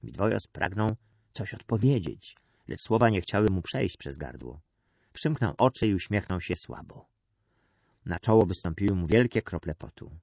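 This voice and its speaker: A male audiobook narrator telling an adventure tale in a measured, storytelling manner. His voice is fairly low yet very lively in pitch. The recording is dry and close. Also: slightly rough, dry recording. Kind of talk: scripted narration.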